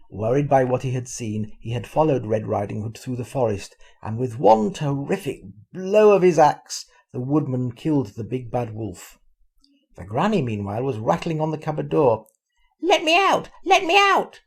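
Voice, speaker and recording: Older man, storybook reader, lively, gravelly and husky. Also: mid-range voice. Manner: expressive, animated storytelling. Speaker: grandfather reading aloud. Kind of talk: storybook reading.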